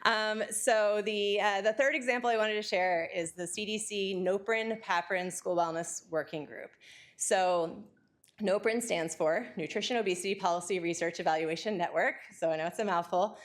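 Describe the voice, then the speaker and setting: A woman giving an academic lecture, talking quickly and excitedly with frequent fillers and restarts. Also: mid-range voice.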